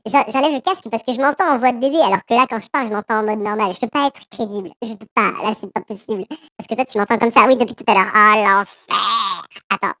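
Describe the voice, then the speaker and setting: A man chatting in an amused way while a voice changer raises his voice to sound higher. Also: fast talker, sharp tone, no room sound. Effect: pitch-raising voice changer.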